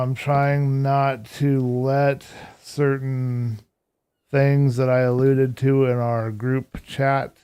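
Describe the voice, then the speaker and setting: A hoarse man at medium pitch hangs out with his live stream audience as he games, reading chat aloud and responding with relaxed, thoughtful remarks.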